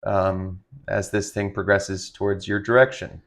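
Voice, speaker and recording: Urgent man giving live storm warnings, lowish voice. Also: little pitch movement, a bit bright. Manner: urgent, direct warnings to listeners; halting, improvised phrasing with repeated restarts. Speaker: live-stream weather broadcaster. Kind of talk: live severe weather commentary.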